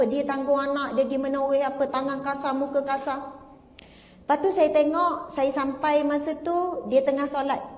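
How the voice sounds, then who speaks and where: A woman's voice: high voice, a little mellow. A Malaysian woman religious teacher giving an earnest sermon, telling stories and acting out quoted dialogue. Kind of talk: sermon with storytelling. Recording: echoey hall with long reverb.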